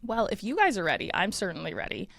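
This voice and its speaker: A woman co-hosting a casual chat podcast, hoarse with morning voice, leading into each story with lots of filler words. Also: mid-range voice, wildly swooping pitch, fast, a bit bright, no echo. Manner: leads into stories, lots of fillers. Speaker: podcast co-host.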